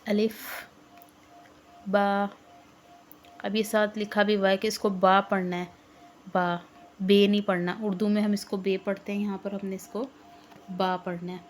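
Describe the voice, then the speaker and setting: A woman's voice: medium pitch, little pitch movement, slight background noise. Patient woman teaching Arabic letters. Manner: patient, repeats letters slowly. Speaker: Quran teacher. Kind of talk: online lesson.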